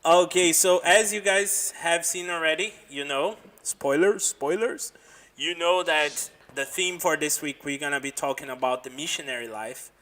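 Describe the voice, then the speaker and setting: Guy hosting a live chat, bright voice, jokey and upbeat, keeps things moving. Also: a little high, normal speed. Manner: upbeat, jokey, steering the conversation. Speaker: podcast host. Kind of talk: casual livestream chat.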